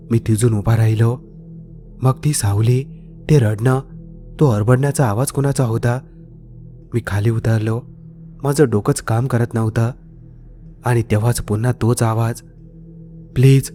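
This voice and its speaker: A man's voice: medium pitch, dark tone. A man telling a first-person horror story in a tense, dramatic storytelling manner. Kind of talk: scripted horror narration. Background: faint background music.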